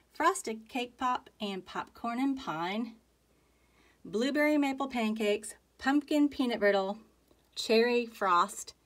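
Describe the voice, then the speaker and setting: A woman, chatting casually in a vlog and reading off a long list of items one after another, a little out of breath. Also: a little high. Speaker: candle collection vlogger. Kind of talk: casual chat, listing items.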